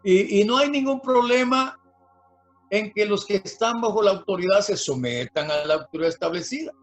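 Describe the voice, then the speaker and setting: A man preaching a sermon in a slow, halting way, with many fillers and repeated words. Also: high voice, faint music behind. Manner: dictates words slowly for listeners to write down.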